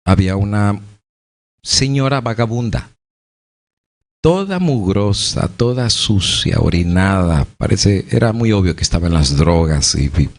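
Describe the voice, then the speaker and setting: Male pastor, Mexican accent, low voice, storytelling sermon, rhetorical questions. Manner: conversational, vivid, with rhetorical questions.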